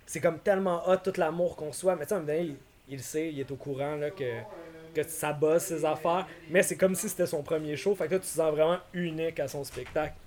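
A man in his thirties with a Québécois accent, a podcast guest who rambles through animated stories and mixes in English slang. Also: on the high side, fast talker. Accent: Québécois French. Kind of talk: casual podcast chat.

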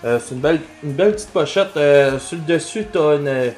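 A man with a Quebec French accent co-hosting a podcast in casual chat, animated and slangy, with lots of fillers. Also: on the high side, a little fast. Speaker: podcast co-host. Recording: roomy echo with faint music.

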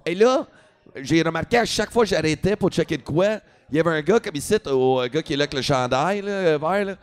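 A man's voice: on the high side, lively intonation, quick pace. A man comedian with a Quebec French accent telling a story in a casual talk, switching into English and swearing freely.

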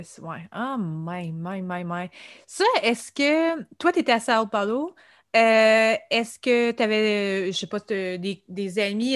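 A woman who asks curious, hesitant questions in a casual chat. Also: a little high. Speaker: interviewer. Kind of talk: casual conversation.

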